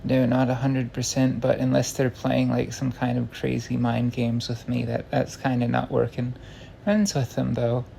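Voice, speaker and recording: Gravelly man rambling in a casual confessional. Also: mid-range voice, flat delivery, moderate pace, dark tone. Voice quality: gravelly, creaky. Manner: hesitant, meandering, self-interrupting with frequent false starts. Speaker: online content creator. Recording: faint background noise.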